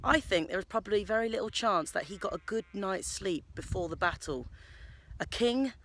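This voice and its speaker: Outdoors in the countryside, a man with a high, pushed, bright voice tells stories at a normal speed. He's a travel vlogger and presenter with a theatrical delivery, mixing narration with talk recorded on location.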